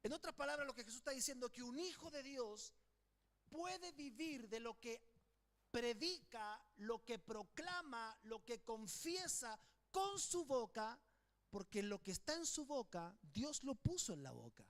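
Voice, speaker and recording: A man preaching as pastor to a congregation in a church, calling on them to repeat after him and swinging between loud declarations and quiet, slowed phrases. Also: very high voice, lively intonation. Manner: emphatic preaching with call-and-response to the congregation. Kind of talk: sermon.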